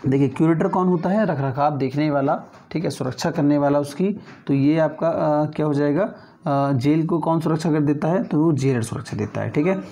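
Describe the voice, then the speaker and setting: Mellow-voiced man teaching exam questions. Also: fairly high pitch, normal speed. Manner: conversational teaching, often checks in with the class. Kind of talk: exam-prep lesson walking through reasoning questions.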